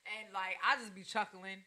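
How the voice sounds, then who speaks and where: A woman's voice: medium pitch, pushed and bright. A woman co-hosting a podcast in casual, slangy chat. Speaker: podcast co-host.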